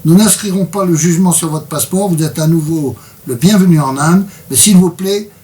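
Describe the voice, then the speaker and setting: A man voicing a stern, condescending middle-aged female district judge in a formal, steady reading voice. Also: a little high, fairly quick, natural voice.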